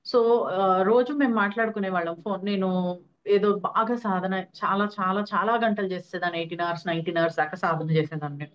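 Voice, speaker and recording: A young woman speaks with a Telugu accent and a mid-range voice. She tells a personal spiritual story in a lively storytelling manner. She acts out the dialogue as she goes. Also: mid-range voice, quick pace. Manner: lively storytelling, acting out her own quoted speech. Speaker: guest speaker on angels and meditation.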